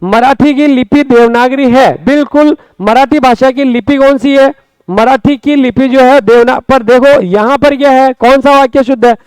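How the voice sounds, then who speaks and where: This Hindi grammar teacher, a man with a Rajasthani accent, goes through the lesson step by step, repeating words slowly and often putting quick questions to the class. His very high voice is a little mellow, clear and resonant, with no room sound.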